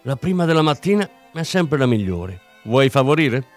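A man's voice: medium pitch, big pitch swings, moderate pace, soft background music, close to an everyday voice. A man voicing a cocky, chatty drug dealer with a mocking, breezy patter, in an audiobook reading. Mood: smug.

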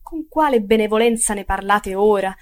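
A woman's voice: mid-range voice, normal speed, close to an everyday voice. A woman voicing an exasperated male lawyer who questions his clerks in a raised, insistent voice.

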